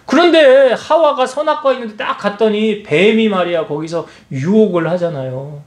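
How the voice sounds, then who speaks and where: A man's voice: high-pitched, lively intonation, normal speed. A man preaching a sermon as senior pastor, asking the congregation question after question. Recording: echoey church hall.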